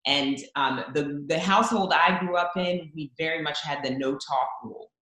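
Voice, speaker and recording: A woman's voice: deep voice, moderate pace, a bit bright. Earnest Zambian-born woman, roomy sound. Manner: earnest, open, stumbling restarts. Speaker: guest. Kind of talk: candid faith testimony. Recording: roomy echo.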